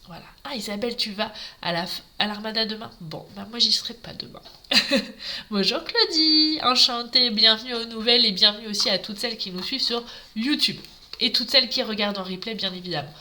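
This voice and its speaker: This Normandy-born craft demonstrator hosts a live papercraft session from her craft table, making conversation and greeting viewers by name. She speaks briskly in a fairly high, bright, forceful voice.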